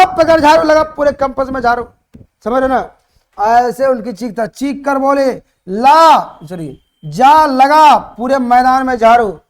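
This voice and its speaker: High-pitched teacher going through a story, acts out the shouting parts, keeps asking the class questions. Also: male voice. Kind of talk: explaining a Hindi chapter for board exams.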